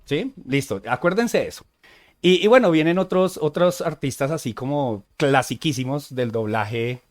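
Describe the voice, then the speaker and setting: A man co-hosting a casual podcast, chatty and easygoing, who often pauses on "eh" and checks in with "¿sí?". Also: a little high. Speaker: podcast co-host.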